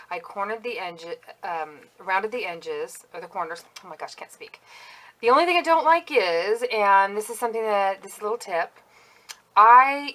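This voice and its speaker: A woman with a fairly low voice talks casually through her handmade planner, stopping often with ums and small asides. She is chatty and picks at her own flaws as she goes. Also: sharp tone, low-quality recording. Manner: chatty, self-critical, full of ums and asides. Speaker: planner crafter vlogger. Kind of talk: casual show-and-tell walkthrough.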